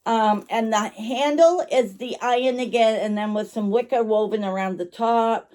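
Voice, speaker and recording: A woman's voice: on the high side, moderate pace, darkish tone. Rambling woman chewing gum as she talks. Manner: chewing gum while talking; rambling, self-interrupting, apologetic. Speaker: online vintage shop owner and vlogger. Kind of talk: casual chat to camera.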